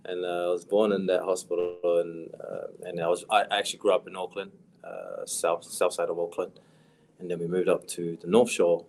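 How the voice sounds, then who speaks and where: Deep-voiced young New Zealand man. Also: level tone, normal speed, a little mellow. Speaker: professional footballer guest. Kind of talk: casual podcast interview.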